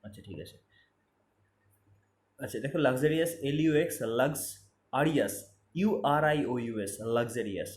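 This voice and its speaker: A man's voice: medium pitch, animated, brisk, pauses often, darkish tone. A man teaching spelling for exams, spelling words letter by letter and repeating them for emphasis. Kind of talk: exam-prep spelling lesson. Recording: roomy echo, faint ambience.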